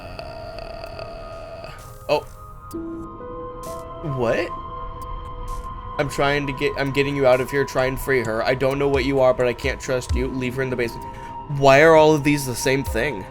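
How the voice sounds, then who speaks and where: A man's voice: medium pitch, measured pace, gravelly, pauses often. A man giving casual, playful let's play commentary, often hesitant as he goes. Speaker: streamer playing a game. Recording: game music behind the voice. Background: game music.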